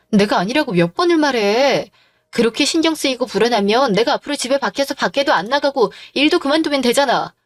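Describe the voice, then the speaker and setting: A woman's voice: a little high, no echo, clean studio sound, close to an everyday voice. A woman voicing a weary, wrongly accused wife. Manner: defensive, weary, pleading. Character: young wife, wrongly accused, exasperated and tired. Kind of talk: dramatized story narration.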